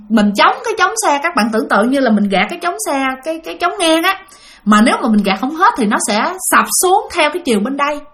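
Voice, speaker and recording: A woman with a slightly high voice tells a spooky story in a relaxed, conversational manner. She talks straight to her listeners as if chatting with friends. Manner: chatty, addresses listeners directly. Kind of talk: casual spoken ghost story narration.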